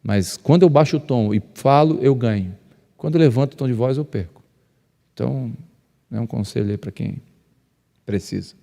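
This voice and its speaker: A male pastor, telling stories to couples. He speaks loudly by nature, acts out dialogue and jokes with the crowd. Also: medium pitch, normal speed, vocal fry, long pauses. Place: church hall. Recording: long reverb of a church hall.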